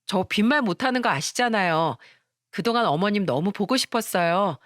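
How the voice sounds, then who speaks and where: A woman's voice: expressive, normal speed, dry recording, clean studio sound, close to an everyday voice. A woman voicing a fawning, two-faced young daughter-in-law who talks in a sugary, fussy way. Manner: sugary and fussy, turns shrill when cornered.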